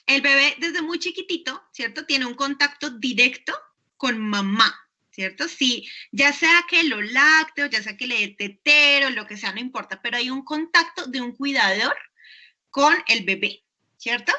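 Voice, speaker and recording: Bright high-voiced woman lecturing. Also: lively intonation, a little slow. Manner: frequent checking tags, patient explaining. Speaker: university lecturer. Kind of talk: online class lecture.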